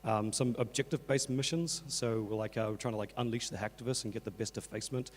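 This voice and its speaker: A man with a croaky, talked-out voice with creaky starts, giving an informal, filler-heavy stage presentation. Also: on the low side, quick pace. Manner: casual, hesitant, many fillers such as "like". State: croaky from two days of talking. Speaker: conference speaker, workshop organiser. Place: on stage in a conference hall. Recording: echoey hall, long reverb.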